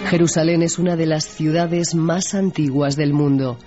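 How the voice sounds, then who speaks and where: Brief: male narrator, fairly high voice, formal scripted read, music clearly under it, dull radio sound. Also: fairly even intonation. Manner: measured and formal.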